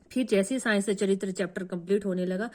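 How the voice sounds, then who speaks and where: A woman with a warm, mid-range voice describes her own devotional experience. The testimony is earnest and emotional, full of repetition.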